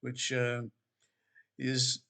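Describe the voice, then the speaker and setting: An older man from Wales, an author casually talking about his books in a relaxed, rambling way with many pauses and restarts. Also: mid-range voice. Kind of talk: casual spoken book promotion. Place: Queensland, Australia.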